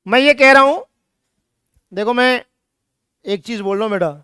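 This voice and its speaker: This is a man lecturing a chemistry class with plenty of drive. His voice sits very high and rings smooth and resonant. He keeps teasing the students with rhetorical questions, and the recording is close and dry. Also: normal speed, no room sound. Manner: energetic, scolding students playfully with rhetorical questions. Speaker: chemistry teacher.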